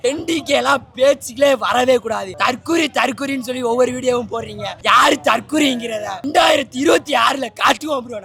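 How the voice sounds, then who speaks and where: A man's voice: very high voice, vocal fry, pushed and bright, husky. A man in a street interview, speaking emotionally and calling the interviewer bro. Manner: emotional, says bro constantly. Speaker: fan interviewed outside theatre.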